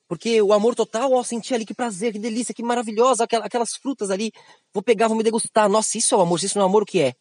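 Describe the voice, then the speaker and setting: A man with a Brazilian Portuguese accent speaks in a notably high voice, recorded close and dry with no room sound. He delivers an esoteric spiritual monologue like a teacher. His manner is animated and slangy, and he mimics other people in raised voices. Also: dry recording.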